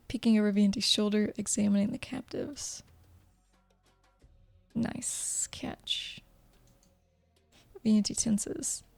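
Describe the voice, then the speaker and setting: A woman's voice: medium pitch, gravelly, darkish tone. A woman reading a video game story aloud as dramatic narration. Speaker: gameplay commentator and narrator.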